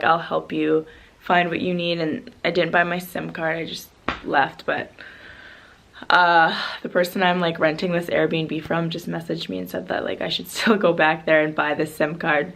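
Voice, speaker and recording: A young Canadian woman, a travel vlogger with a deep, gravelly voice, tells a story at a moderate pace in a casual vlog. Her retelling is animated, and she says "like" constantly.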